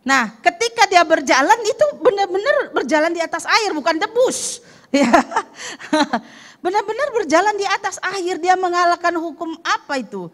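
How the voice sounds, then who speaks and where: A woman pastor preaching a lively sermon, acting out the story and putting questions to the congregation. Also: extremely high pitch, moderate pace. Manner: animated, acts out the story and asks the congregation questions. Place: church service.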